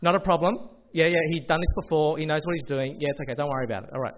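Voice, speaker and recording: A man's voice: fairly high pitch, racing, slight background noise, lightly acted. A man voicing a chummy, shady male accountant reassuring a client. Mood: breezy, loud. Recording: dull lo-fi audio.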